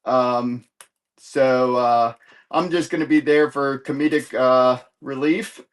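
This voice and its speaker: A man's voice: medium pitch, steady tone, slow, clear, resonant tone. A man hosting a live comic book sales stream in casual chat, rambling and easygoing as he corrects himself and cracks light jokes.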